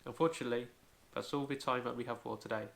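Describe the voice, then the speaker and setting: Gravelly man explaining step by step. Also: medium pitch, steady tone, fast talker. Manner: careful, step-by-step explaining with frequent "so". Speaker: language video host. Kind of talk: home-made tutorial.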